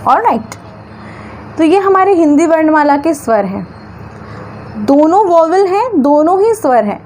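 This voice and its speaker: A woman teaching English grammar, stretching words slowly into syllables and asking questions that she answers herself. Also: very high-pitched, very animated, a little mellow, a little hiss or hum. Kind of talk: classroom-style grammar lesson.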